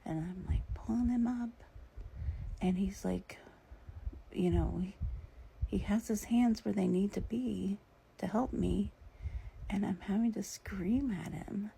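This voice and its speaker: Woman vlogger and family caregiver, very gravelly and dark-toned, slipping into whispers and laughs while she tells a story. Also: mid-range voice, a little slow, pauses often, a little hiss or hum, rough recording. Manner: often drops to a whisper, laughs through the telling. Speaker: family caregiver for her father. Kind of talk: casual vlog storytelling.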